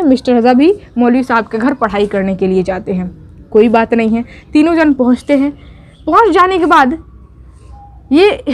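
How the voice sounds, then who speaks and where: High-voiced woman teacher telling a story. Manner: retells a story, voicing its characters' dialogue; addresses students directly with exam tips. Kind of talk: storytelling lesson for students.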